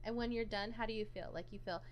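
A woman's voice: fairly high pitch, fairly even intonation, quick pace, slight background noise. A young woman hosting a casual radio chat, gushing and encouraging as she interviews a child.

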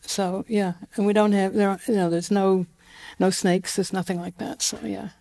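A genetic genealogist from New Zealand, middle-aged with a Kiwi accent, chats casually as an interview guest. Her mid-range, gravelly voice keeps a normal pace. Her manner is relaxed, full of fillers and restarts, with occasional light laughter.

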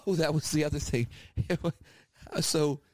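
This co-host's voice is on the high side, steady and at a normal speed, captured in a dry recording. He rambles through a casual story on the podcast, frequently laughing and doing voices for those he quotes.

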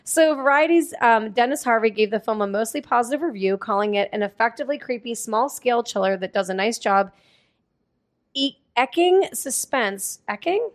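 A woman's voice: on the high side, brisk, hardly any pauses. A woman co-hosting a casual podcast, reading movie credits and critics' reviews aloud and laughing often. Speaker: podcast co-host.

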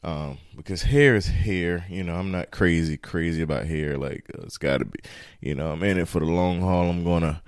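A man hosting a casual solo podcast from a home studio, talking in an informal, animated and rambling way. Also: low-pitched, moderate pace, few pauses, no room sound. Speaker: podcast host.

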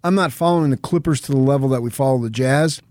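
A man's voice: mid-range voice, fast talker, darkish tone, dry recording, clean studio sound. An American man co-hosting sports talk radio, giving blunt, insistent opinions in a debate.

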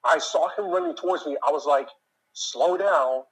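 A deep-voiced man with a faint husky, slightly rough quality launches into a long, exasperated rant about something that happened at work. He talks loosely and casually, straight to his listeners, at a moderate pace, on a low-quality recording.

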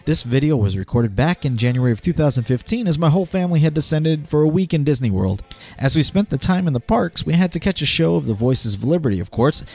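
A man's voice: medium pitch, vocal fry, darkish tone. A man hosting a podcast, reading a scripted introduction to the listener. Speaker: podcast host. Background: music.

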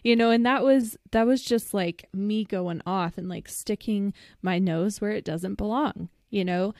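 A woman's voice: medium pitch, unhurried, darkish tone, no echo, studio quality. A woman co-hosting a podcast in a casual chat, laughing often and filling her talk with "like". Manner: chatty, laughs often, lots of "like". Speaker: podcast co-host. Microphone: remote call mic.

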